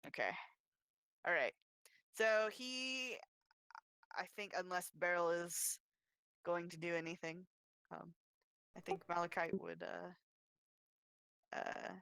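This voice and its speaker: A woman acting as game master, narrating a tabletop game with many pauses and ums. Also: on the low side, creaky, a bit bright, clean tone, no echo, rough recording. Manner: hesitant, full of ums and uhs.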